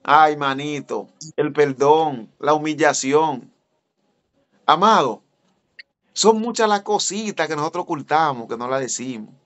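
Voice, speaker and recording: Preacher guy telling a story to the flock, lively, kinda muffled lo-fi sound. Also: a little slow. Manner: animated, addresses listeners directly, voice jumps high when excited. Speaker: evangelist. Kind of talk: storytelling sermon. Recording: dull lo-fi recording.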